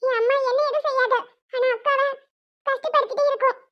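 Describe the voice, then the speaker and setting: A woman's voice: very high voice, steady tone, quick pace. A woman voicing an earnest little boy who loyally pleads for his elder sister in a cartoon. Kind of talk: cartoon voice acting. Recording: dull lo-fi sound.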